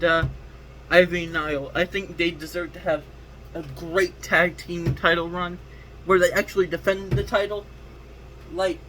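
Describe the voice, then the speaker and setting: A man's voice: sits high, sharp tone, a little hiss or hum, poor audio. A man hosting his own wrestling talk show, giving casual solo commentary in a rambling way, correcting himself and restarting his sentences. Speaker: wrestling podcast host.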